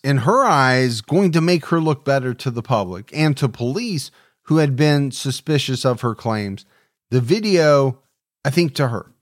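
A man co-hosting a podcast, reading a true crime story and adding his own opinions, with shifting emphasis. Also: medium pitch. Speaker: podcast co-host. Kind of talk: scripted true crime narration.

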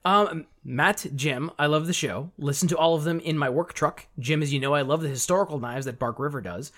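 A man's voice: on the high side, brisk, fairly bright tone. A man co-hosting a podcast who agrees readily, answers listener questions and chats casually. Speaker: podcast co-host.

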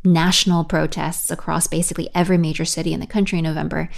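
A woman with a fairly low voice speaks as a correspondent. She explains events in a measured, steady way and now and then restarts a phrase. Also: creaky. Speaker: correspondent guest. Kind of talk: explanatory news podcast talk.

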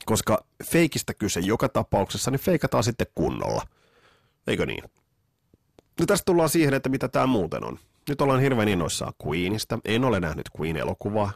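A middle-aged man with a very low voice hosts a podcast solo. He talks casually and with strong opinions, mixing nostalgia with sarcastic asides. The sound is close and dry, with no room around it. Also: gravelly, dry recording. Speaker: podcast host. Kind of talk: casual monologue.

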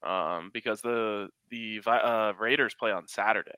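A man's voice: on the low side, moderate pace, sharp tone, clean tone, dry recording. A man hosting a sports podcast, chatting casually and jokingly about betting.

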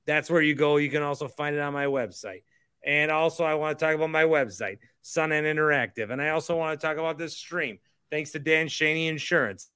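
Drunk, bright-voiced man ranting. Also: on the high side, steady tone, a little fast, clean tone, no echo, clean studio sound. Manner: profane, exasperated, rambling. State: drunk, tipsy. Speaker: host of a sports fan livestream. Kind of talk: rambling livestream rant about basketball.

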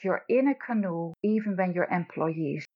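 A woman with a Dutch accent speaking earnestly as a podcast guest, phrasing deliberately in short pieces. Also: fairly low pitch, animated. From Netherlands. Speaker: guest co-host, leadership coach. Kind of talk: podcast interview talk. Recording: dull lo-fi audio.

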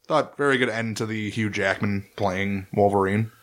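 Casual podcast co-host, male, lower voice, swears freely, rambles enthusiastically. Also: normal speed, fairly bright tone. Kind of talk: casual chat.

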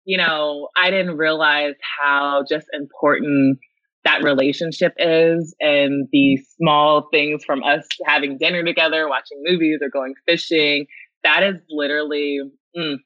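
A woman's voice: deep voice, fairly even intonation, unhurried, bright, forceful tone, dry recording, dull audio. A young woman speaking earnestly as a guest in a podcast interview. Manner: earnest, grows emotional.

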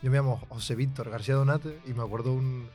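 A man chats as a podcast guest at a brisk clip. His manner is easygoing and friendly. His voice has a middling pitch, with faint music underneath. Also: steady tone, mellow. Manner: quick, easygoing, chatty. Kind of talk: casual podcast chat.

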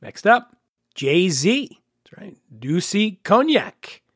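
A man hosting a podcast in casual, chatty monologue, with a nasal twang from a head cold and animated asides. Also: sits high, slow, husky, dry recording, studio quality, faint music behind. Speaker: podcast host.

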